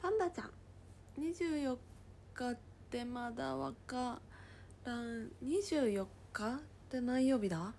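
A woman casually chatting on a livestream, reading viewer comments aloud and often dropping into a soft whisper. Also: high voice, unhurried, gravelly, slight background noise. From Japan.

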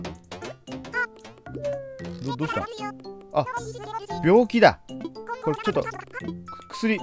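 A man giving casual let's play commentary, chatting playfully to the characters on screen as he plays. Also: fairly high pitch. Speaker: game streamer.

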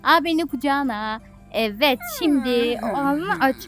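Very high-pitched excitable woman gamer. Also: unhurried, loud music behind the voice. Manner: excitable, playful, squeals and shrieks in alarm. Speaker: gaming YouTuber. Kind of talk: playful gameplay commentary.

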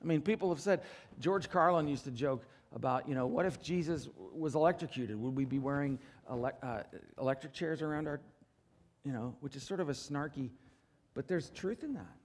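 A middle-aged pastor delivers a brisk sermon from a church stage. He alternates between loud, forceful proclamations and soft, low asides, asking the congregation to agree with him.

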